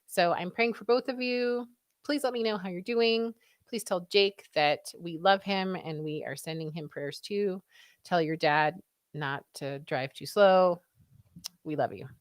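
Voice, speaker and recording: In a dry, studio-quality recording, a woman with a scratchy, fairly low voice takes her time while hosting a live stream. She rambles chattily and reads out what viewers comment.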